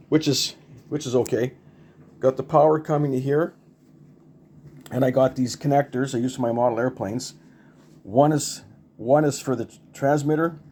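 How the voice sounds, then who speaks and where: Slight background noise accompanies this warm, mid-range male voice. An older hobbyist, he demonstrates his homemade project hands-on in an unscripted show-and-tell, talking plainly, repetitively, and in a rambling way.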